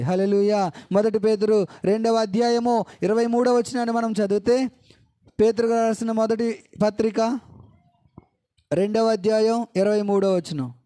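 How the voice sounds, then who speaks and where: A man's voice: sits high, warm tone. A male pastor preaching a fervent sermon, calling out hallelujahs and voicing prayers. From India.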